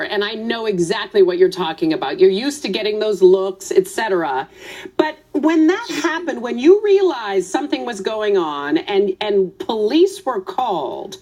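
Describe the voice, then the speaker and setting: A woman's voice: mid-range voice, darkish tone. A woman hosting a news interview, empathetic and encouraging toward her guest. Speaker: news show host. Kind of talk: broadcast interview.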